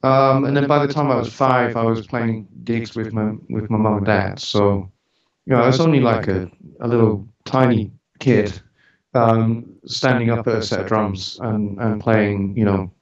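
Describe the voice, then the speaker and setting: His voice is lowish and steady at a moderate pace. A forties-aged musician and studio owner from Scotland with a mixed Scottish British accent, raised on the road around the UK, he's an interview guest telling chatty, lightly joking stories. The recording sounds dull, echoey, and distantly miked.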